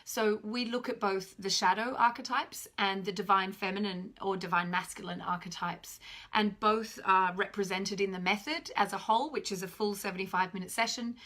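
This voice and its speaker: Speaking at a medium pitch and normal speed, a chatty woman with a slightly croaky voice runs a casual live stream as a spiritual teacher, indoors at home. She holds her phone camera at arm's length, gesturing animatedly and joking about herself.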